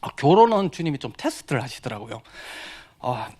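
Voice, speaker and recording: A middle-aged man preaching a personal testimony, swinging from quiet murmurs to loud exclamations with frequent laughter. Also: fairly high pitch, sing-song, normal speed. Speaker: missionary preacher. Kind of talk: sermon testimony.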